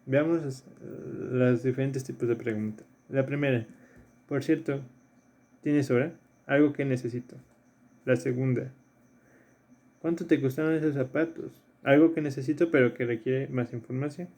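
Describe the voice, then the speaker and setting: Reviewing exercises in a recorded remote lesson, the philosophy teacher speaks at normal speed with a medium pitch and a steady, slightly mellow tone. He works through each step, repeats the key terms and checks in often with "¿sí?".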